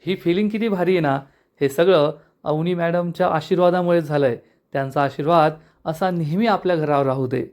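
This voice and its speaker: A man's voice: on the high side, brisk, a little mellow, natural voice. A man doing a cheerful young brother. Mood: happy. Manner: happy, grateful.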